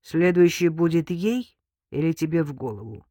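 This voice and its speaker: A man's voice: on the high side, animated, moderate pace, dry recording, studio quality, close to an everyday voice. A woman reading an audiobook, voicing a cold, threatening armed man who barks orders. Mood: harsh, commanding. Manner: barking orders, loud. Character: menacing armed young man, cold and commanding.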